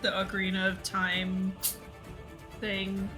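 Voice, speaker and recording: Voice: medium pitch, completely flat delivery, takes it slowly, pushed and bright, slightly rough, faint music behind. A tabletop game player chatting casually and flippantly, tossing in jokes. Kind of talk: casual joking game chat.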